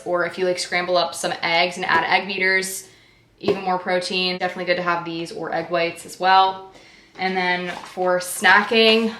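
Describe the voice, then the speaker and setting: A woman's voice: lowish voice, bright, forceful tone. A woman vlogger chatting casually about groceries, a little out of breath. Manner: chatty, explaining food items one by one. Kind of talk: casual chat. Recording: echoey room, faint noise.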